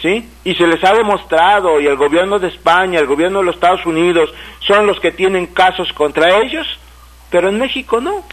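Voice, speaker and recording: A Mexican man with a slightly higher voice, chatting on a radio program. He tells anecdotes with lots of stops, restarts and repeated words. It sounds like a radio broadcast. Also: brisk, poor audio. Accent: Mexican Spanish. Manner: animated storyteller, frequent restarts and repeated words. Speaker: radio co-host and writer. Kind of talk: casual radio conversation.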